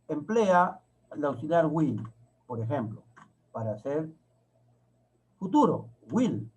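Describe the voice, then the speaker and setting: A man's voice: fairly high pitch, a little mellow, husky, poor audio. A man from Peru, teaching an English grammar lesson and repeating example sentences word by word. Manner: slow, repeats and spells out each word of examples.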